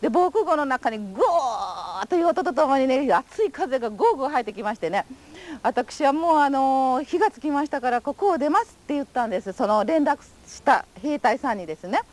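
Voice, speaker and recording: An older Japanese woman, an atomic bomb survivor, recounts her memories in a recorded testimony interview with polite, formal, vivid storytelling. Her voice sits high and sounds darkish, and she speaks briskly and with great animation.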